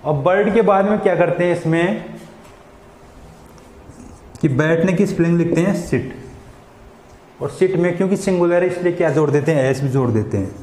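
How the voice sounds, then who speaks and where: A male teacher gives a patient lesson, posing questions and answering them himself. His voice sits a little high, and the sound rings in an echoey room. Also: normal speed, pauses often, a little mellow. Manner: repeats questions and answers them himself, frequent "samajh gaye". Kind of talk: classroom lesson explaining English to Hindi speakers. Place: school classroom.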